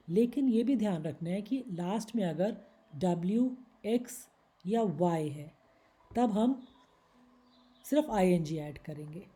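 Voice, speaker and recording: Very bright-voiced woman teaching grammar. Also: mid-range voice. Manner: patient, explains step by step with examples. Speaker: English teacher. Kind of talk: slide-based Hindi grammar lesson.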